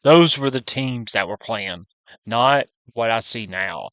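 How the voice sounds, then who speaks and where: A man's voice: mid-range voice, slow pace, fairly bright tone, smooth, no echo. A man vlogging in a casual, unscripted monologue, rambling and often restarting or correcting himself mid-sentence.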